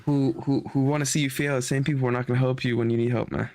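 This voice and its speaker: A man hosting a casual podcast, relaxed and teasing as he steers the talk. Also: medium pitch, fast, a crowd in the background. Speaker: podcast host.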